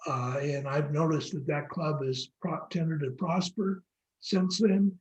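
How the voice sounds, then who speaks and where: A man speaks at an online club meeting in a slow, halting way, filling pauses with "uh." His voice echoes in the room, and the audio sounds dull and lo-fi. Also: a little high, slight background noise. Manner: slow, halting, many fillers.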